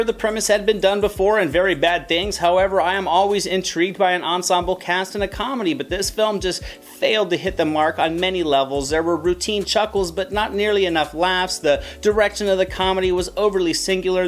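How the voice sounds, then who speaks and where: A man narrating a scripted top ten countdown as a film review host, with an opinionated, critical delivery. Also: high-pitched.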